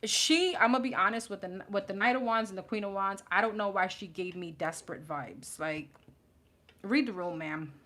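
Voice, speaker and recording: A woman's voice: medium pitch, normal speed, a bit bright. Sassy New York tarot reader woman. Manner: blunt, sassy, laughing and chatty. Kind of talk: live tarot reading. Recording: audible background noise with card shuffling.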